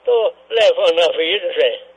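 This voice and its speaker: A man playing a cranky, suspicious old father who answers the phone gruffly and hurls insults. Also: high voice, expressive, unhurried, full character voice, low-quality recording. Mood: irritated. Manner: gruff, insulting, keeps demanding who is calling. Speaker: prank call character. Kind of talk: comic radio prank call.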